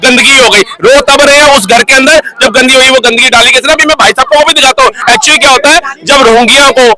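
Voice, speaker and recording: A man arguing loudly and combatively as a street interviewee, interrupting others in a heated debate outdoors. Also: extremely high pitch, quick pace, crowd noise, poor audio.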